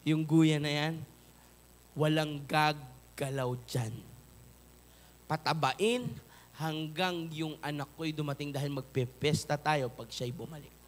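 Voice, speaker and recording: A male pastor with a Filipino accent preaching a sermon, moving between loud emphatic peaks and soft, low pleading. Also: steady tone, slow pace, pauses often, a little hiss or hum.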